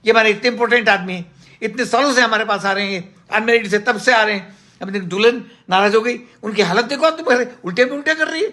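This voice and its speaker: A man's voice: sits high, quick pace, bright, forceful tone. A man voicing a fussy male restaurant manager who scolds his staff. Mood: scolding. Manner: scolding, servile.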